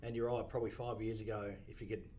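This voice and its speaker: A man's voice: lowish voice, level tone, fast talker, warm tone, slight background noise. A man, a dealership boss, chatting reflectively on a podcast with lots of ums and restarts. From Australia. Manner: reflective, many fillers and restarts. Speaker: podcast guest, car dealership principal. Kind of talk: casual podcast chat.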